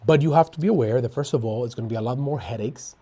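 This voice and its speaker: Mellow-voiced man, chatting. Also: mid-range voice, quick pace, husky. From Latin America, Dominican Republic. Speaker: interview guest. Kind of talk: casual chat.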